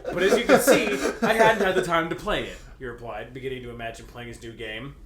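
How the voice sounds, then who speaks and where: A man with a mid-range voice reads fan fiction aloud for laughs, talking fast over a loud crowd. He's theatrical, tosses in joking asides, breaks into laughter, and bursts into mock shouting. The recording has a roomy echo and clear background noise.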